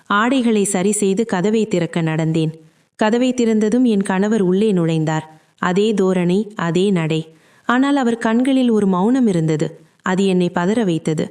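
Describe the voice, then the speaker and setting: Mellow woman narrating a story. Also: mid-range voice, unhurried. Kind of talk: scripted first-person storytelling.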